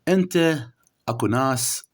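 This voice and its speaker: A man with an Iraqi Arabic accent giving a spiritual horoscope reading to the listener in a preachy, scolding way, jumping between loud emphatic bursts and low murmurs. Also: normal speed. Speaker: spiritual astrology reader. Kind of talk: direct-address horoscope reading.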